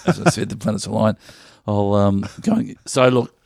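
Speaking at a moderate pace, this middle-aged Australian man's voice runs low, creaky, and a little mellow yet expressive. He is a Melbourne comedian guesting on an interview, trading jokey stories in casual chat and restarting often. The studio-quality recording carries no room sound.

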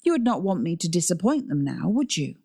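A woman's voice: fairly low pitch, sing-song, fairly quick, creaky, dark tone, husky, heavily acted. A woman reading a storybook, voicing a restless, defiant male caretaker who speaks with agitation. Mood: agitated. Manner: restless, impatient. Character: agitated man, defiant caretaker, deep-toned.

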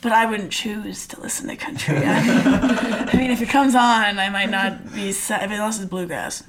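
A woman's voice: mid-range voice, steady tone, moderate pace. A woman in her twenties from a rock band, chatting casually and bluntly, swearing now and then. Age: 20s. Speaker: band member. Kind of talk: casual interview chat. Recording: crowd noise behind.

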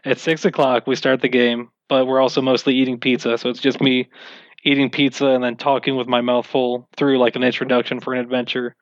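A man's voice: mid-range voice, flat delivery, fairly quick, dry recording, lo-fi sound. A man being interviewed about running tabletop games, answering in a casual, rambling and self-mocking way. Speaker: game master being interviewed.

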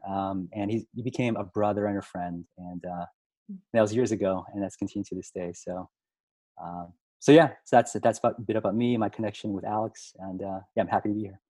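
A man's voice: lowish voice, warm tone, no echo. A man, a pastor in his thirties, chatting as a guest on a podcast and laughing often. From New York. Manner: laughing, friendly, talkative. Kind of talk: casual chat.

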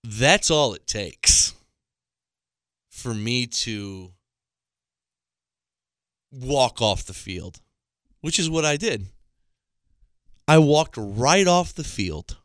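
A man in his thirties delivers a comic monologue into a microphone, rambling and exasperated. His pitch swings widely and his tone is bright and forward. The sound is dry and close, with no room around it. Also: expressive, extremely slow, long pauses, dry recording. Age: 30s. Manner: rambling, exasperated storytelling with self-mocking asides. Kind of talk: comedic monologue. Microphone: studio microphone.

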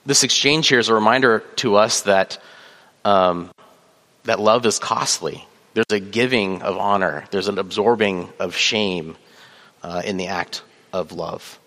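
A man preaching a sermon as pastor, measured, with fillers, reading scripture aloud. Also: on the low side, bright, forceful tone. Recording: long hall reverb.

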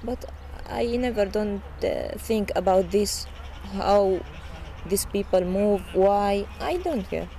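Young Syrian woman with an Arabic accent, halting broken English, earnest interviewee, noisy outdoor field recording. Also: mid-range voice, gravelly, dark tone. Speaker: refugee interviewee. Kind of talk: casual interview. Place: refugee camp outdoors.

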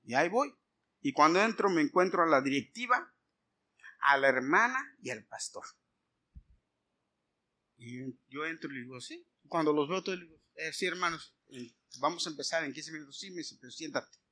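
In a fairly high-pitched voice at a moderate pace, a middle-aged man preaches. His sermon includes a personal anecdote told with energy, complete with acted-out exchanges.

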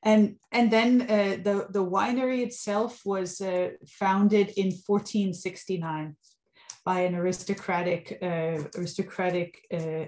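A woman from New York, USA, tells stories as an interview guest, her voice low-ish and somewhat dark. She explains things at length, fluently yet with plenty of fillers and restarts.

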